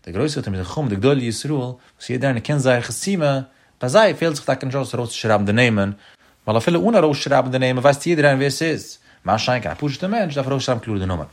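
A man leads a Talmud study lesson, rattling through the text at a brisk clip. His voice sits at an ordinary middle pitch but swings up and down in a sing-song study cadence. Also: animated. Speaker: religious teacher.

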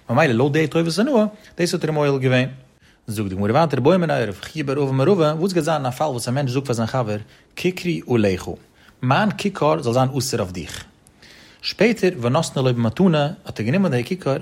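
A man delivers a Talmud study lecture at a rapid clip. His voice is husky and a little breathy. He carries the reasoning in a chanting, sing-song study-hall intonation with wide swings in pitch. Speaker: Talmud teacher.

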